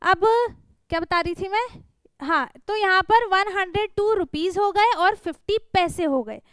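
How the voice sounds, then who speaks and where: A woman's voice: very high-pitched, unhurried, fairly bright tone, dry recording. A young woman, teaching a worksheet to small children and patiently checking that they follow along. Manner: patient, checks in with "theek hai" and "hai na". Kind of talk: explaining a worksheet to young pupils.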